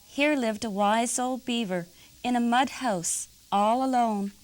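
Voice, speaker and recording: A woman librarian reading a children's story aloud in a gentle, even way. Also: on the high side, unhurried, rough recording.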